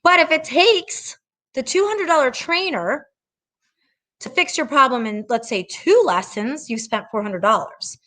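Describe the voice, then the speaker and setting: Middle-aged lady dog trainer, chatty and blunt, voice a bit on the high side. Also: expressive, measured pace, sharp tone. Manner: chatty, direct, anecdotal, emphatic. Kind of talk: casual advice talk.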